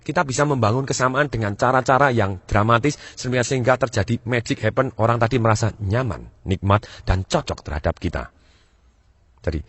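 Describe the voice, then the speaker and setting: A man giving a sales training talk, acting out customer and seller voices and shifting his pitch and pace to demonstrate. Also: fairly bright tone, dry recording.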